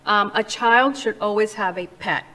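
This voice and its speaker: A woman's voice: mid-range voice, moderate pace, bright, forceful tone, low-quality recording. A middle-aged woman from Cuba, a charity founder and interview guest, speaking earnestly and passionately about her work. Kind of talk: interview conversation.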